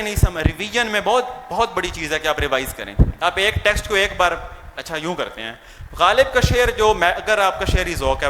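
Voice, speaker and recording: A man's voice: high-pitched, pushed and bright, in a large hall, slight background noise. A man with a Pakistani accent giving a lecture on learning English to teachers, mixing in English words and putting questions to the audience.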